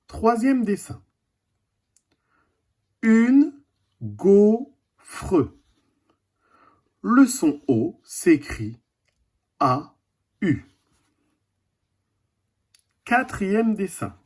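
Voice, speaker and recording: A teacher records a reading lesson for young children, pacing each word very slowly and repeating it for the class. The voice is husky and a little breathy, and the pitch rises and falls in a lively, sing-song way. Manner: slow, deliberate, repeats and stretches words. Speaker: primary school teacher.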